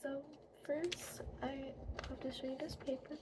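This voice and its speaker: A woman doing an ASMR role-play as a friendly young fairy, speaking softly and breathily with hesitant, informal phrasing. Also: high-pitched, fairly even intonation. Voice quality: soft breathy soft voice. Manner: hesitant, informal, many trailing pauses. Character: friendly, apologetic young fairy guiding a newly hatched fairy. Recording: clearly audible background noise.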